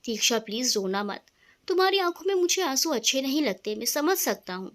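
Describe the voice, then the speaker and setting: A woman's voice: sits high, very animated, fairly quick, a bit bright. A woman voicing a playful, affectionate young man who teases his wife, in a storybook reading. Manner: teasing, affectionate. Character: playful young man, teasing loving husband.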